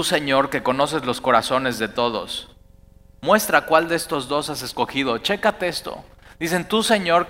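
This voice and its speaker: Pastor preaching, bright forceful voice kinda high, big echoey church hall. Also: male voice. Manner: animated, rising to emphatic bursts then dropping to quiet asides. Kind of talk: sermon. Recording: long hall reverb.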